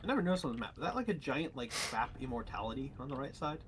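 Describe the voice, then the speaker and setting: Excitable 23-year-old male color caster. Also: mid-range voice, racing. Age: 20s. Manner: excitable, rambling with fillers. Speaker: color commentator. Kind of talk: esports commentary.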